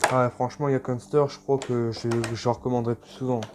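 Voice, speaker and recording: A man giving casual, excited unboxing commentary, gushing and exclaiming often with lots of slang, recorded on a phone. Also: mid-range voice, a little fast, heavy background noise. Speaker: toy unboxing vlogger.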